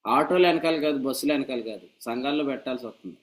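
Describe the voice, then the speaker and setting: A man preaching a sermon at a church meeting, animated and scolding with humor and rhetorical questions. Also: medium pitch, quick pace, slight background noise, low-quality recording. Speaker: pastor.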